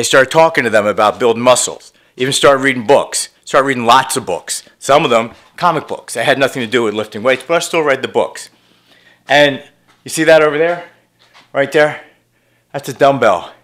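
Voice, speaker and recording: A man in his fifties walking around his basement gym, talking into a phone at arm's length, mocking a money guru's sales pitch with deadpan boasts. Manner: mock-earnest guru salesman, deadpan boasting; walks around while talking. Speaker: fitness vlogger. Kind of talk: parody sales pitch to camera. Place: home basement gym, indoors. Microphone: phone camera at arm's length.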